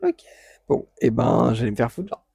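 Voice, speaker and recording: A man's voice: mid-range voice, normal speed, creaky, breathy edge, no echo. A young man co-hosting a podcast, telling anecdotes in casual chat and acting out the voices of the people in them. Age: young adult. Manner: animated storyteller, acts out voices in anecdotes. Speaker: podcast co-host.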